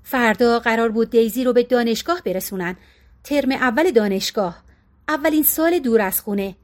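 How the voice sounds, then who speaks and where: A woman reading a novel as an audiobook narrator, in a steady, measured manner. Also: on the high side. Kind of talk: scripted narration.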